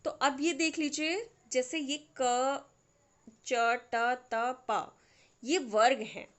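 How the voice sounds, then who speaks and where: A woman with a fairly high voice teaches a lesson at an unhurried pace. She explains patiently, one step at a time, and keeps checking that her listeners follow. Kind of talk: classroom lesson.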